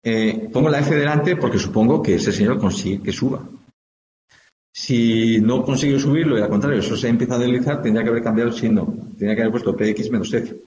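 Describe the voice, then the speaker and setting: A man's voice: mid-range voice, fast, dark tone. A man teaches physics, working through problems step by step and checking with the class as he goes. His voice carries a long echo, as if picked up in a big hall. The sound is dull and lo-fi, with a faint hiss behind it. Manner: explains step by step, thinks aloud, often checks with "¿de acuerdo?". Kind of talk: informal classroom lecture.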